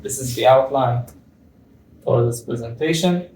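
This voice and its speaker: A young man from Tunisia giving a conference presentation, explaining step by step with frequent pauses and fillers. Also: medium pitch, a little mellow, a little hiss or hum. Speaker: PhD student presenter. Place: conference room. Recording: echoey room, far from mic.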